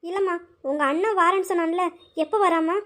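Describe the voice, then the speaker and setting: A woman's voice: extremely high pitch, steady tone, fairly bright tone. A woman voicing a reserved, firm older mother-in-law in an amateur audio drama. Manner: measured, refusing.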